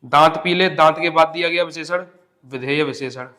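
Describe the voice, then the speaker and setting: A man's voice: fairly high pitch, moderate pace, sharp tone. A man teaching an exam-prep grammar lesson step by step, asking questions and answering them himself.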